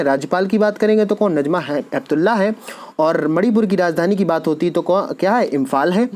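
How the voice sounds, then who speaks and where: A man's voice: high voice, a little mellow. A man teaching an exam-prep lecture, posing quiz questions and answering them himself, repeating each key answer.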